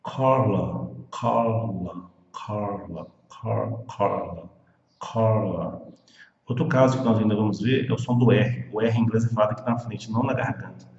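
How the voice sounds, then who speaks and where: A man who speaks Portuguese natively, teaching an English pronunciation lesson and repeating words slowly and patiently. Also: lowish voice, steady tone, dark tone. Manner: slow, repetitive drilling of words. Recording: echoey room, dull lo-fi sound.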